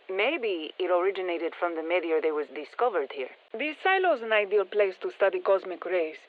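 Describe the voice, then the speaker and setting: An actress with a Spanish accent plays a video game scientist and engineer, a brisk, sharp-minded woman studying an alien parasite who briefs operators. Her mid-range female voice stays matter-of-fact and technical. The processed recording has phone-quality, thin band-limited radio sound and some long hall reverb.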